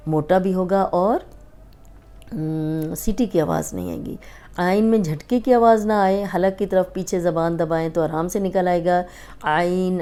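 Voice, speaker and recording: A woman with a Pakistani Urdu accent leads a slow, patient lesson and stretches out every letter sound. Her voice sits low and warm, soft and mellow, with a smooth, clear tone. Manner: patient, drawn-out letter recitation and explanation. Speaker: Quran reading teacher.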